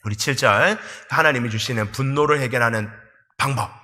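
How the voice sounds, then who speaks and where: A man's voice: mid-range voice, fairly quick, sharp tone. A male pastor preaching an evening church sermon with earnest emphasis, voicing prayers and God's words. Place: church sanctuary. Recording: long church hall reverb.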